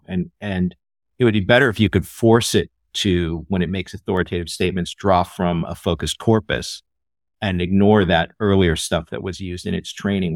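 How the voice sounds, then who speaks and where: A man hosting a podcast, explaining things in a measured, steady way. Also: sits low, no room sound, studio quality. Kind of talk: casual conversation.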